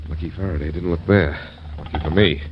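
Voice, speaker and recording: An actor in an old radio drama playing a self-assured, wry amateur detective who talks smoothly and insistently. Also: male voice, extremely low pitch, fairly even intonation, a little fast. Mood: urgent, wry. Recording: dull, noisy old radio recording.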